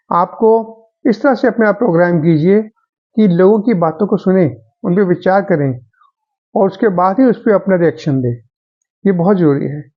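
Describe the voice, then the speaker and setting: Male motivational speaker, lighter high voice, earnest advice-giving tone, muffled lo-fi sound. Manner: earnest, advisory, addresses listeners as friends. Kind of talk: motivational talk to viewers.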